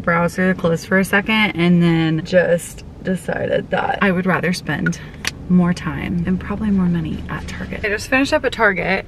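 Filmed at home in a small apartment bathroom and in her car, a young woman in her twenties vlogs casually to the camera, full of "like" fillers. She has a fairly low-pitched voice. The room is echoey, with a little hiss or hum.

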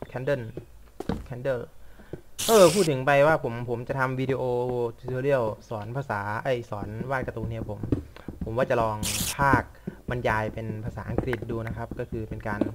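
This is a young man's casual, rambling commentary while gaming, delivered in a steady, mid-range voice at a moderate pace with background noise. As a gaming vlogger, he mocks himself and mutters at the on-screen action.

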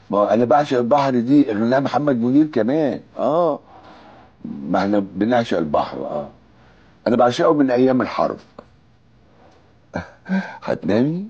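A man's voice: medium pitch, darkish tone, slightly rough, dull audio. An actor in his sixties playing a lovestruck, sentimental older man with an Egyptian accent, tender and coy on a late-night call to his sweetheart in a TV drama. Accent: Egyptian Arabic. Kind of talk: naturalistic TV drama dialogue.

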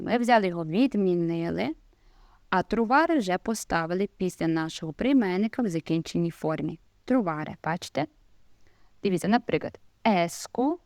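A woman teaching an Italian lesson, explaining slowly, with many fillers and repeated examples. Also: on the low side, dry recording, clean studio sound. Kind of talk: casual video lesson.

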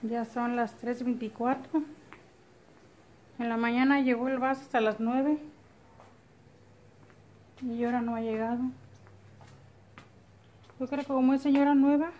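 A woman's voice: on the high side, dark tone. A middle-aged woman with a Mexican accent chats casually and colloquially to camera as a family vlogger, holding a phone at arm's length. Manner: colloquial, chatty. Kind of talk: casual narration to camera while doing daily errands. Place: at home, indoors and in front yard. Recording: handheld phone with clear ambient noise.

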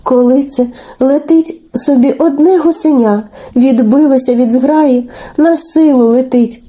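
A woman narrating a folk fairy tale for children in an expressive, sing-song storytelling manner. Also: high voice, measured pace.

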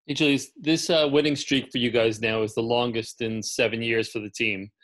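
A man's voice: medium pitch, steady tone, normal speed, a bit bright. A male reporter asking plain questions over a video call. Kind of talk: press conference question.

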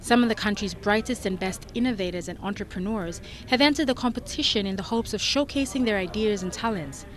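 A woman narrating a television business news report in a measured, scripted delivery. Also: medium pitch.

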